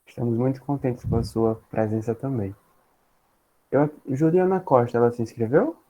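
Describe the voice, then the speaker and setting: A man's voice: mid-range voice, normal speed, dark tone, rough recording. A man moderating an online class, brief and welcoming.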